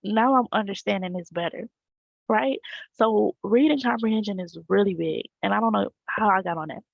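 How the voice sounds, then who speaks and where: A woman's voice: medium pitch, normal speed, vocal fry, no echo, dull audio. A woman teacher, talking casually to parents and checking in with a rhetorical "right?". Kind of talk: casual direct talk to parents.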